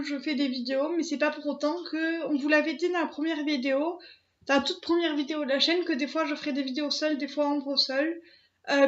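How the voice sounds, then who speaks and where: A young woman with a high, light voice chats casually to her camera, stopping often to restart her sentences and fill gaps with hesitations. The sound is dull and lo-fi, as if from a basic home recording. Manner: hesitant, many fillers and restarts. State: emotional, near tears. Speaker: channel host. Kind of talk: casual vlog talk to camera.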